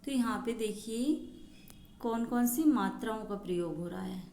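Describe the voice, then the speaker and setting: A woman's voice: a little high, normal speed, dark tone. A woman school teacher giving a recorded lesson to young children, speaking patiently, spelling out words and repeating answers. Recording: echoey room, faint background noise.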